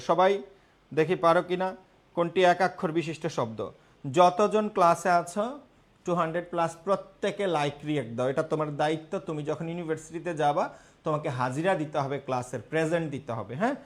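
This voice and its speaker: A young man teaching grammar in a live online class, repeating terms and quizzing his students. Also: on the high side.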